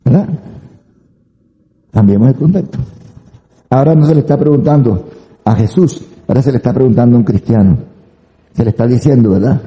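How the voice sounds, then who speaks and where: A male pastor preaching a sermon, telling stories in an animated way and acting out the voices of the people he quotes. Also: mid-range voice, a little fast, pauses often, reverberant, big-room sound, lo-fi sound. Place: church sanctuary.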